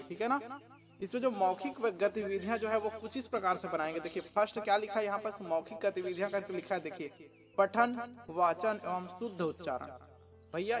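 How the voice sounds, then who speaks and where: High-voiced man teaching a class. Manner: keeps checking with tag questions; asks and answers his own questions. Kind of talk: explaining a school assignment.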